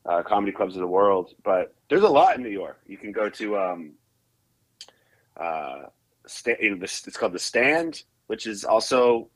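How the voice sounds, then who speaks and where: This low-quality recording captures a young comedian born in Canada, chatting in an interview at normal speed. His lowish voice is expressive, and he rambles, often starting over with fillers.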